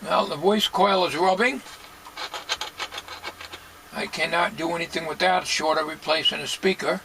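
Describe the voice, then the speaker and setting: This older hobbyist, sixty or past it, tinkers with radios at his indoor workbench and thinks aloud in a plain, halting way. His voice is a little high with some vocal fry, and the home workshop around him is cluttered and noisy on the recording.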